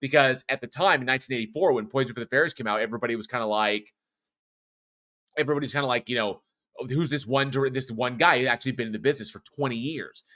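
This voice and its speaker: Quick-paced and sharp-toned at medium pitch, a middle-aged American man hosts a horror show live stream. Born in California, with a non-regional accent, he's also a voice actor; he rambles casually, reads viewer comments, and keeps restarting or correcting himself.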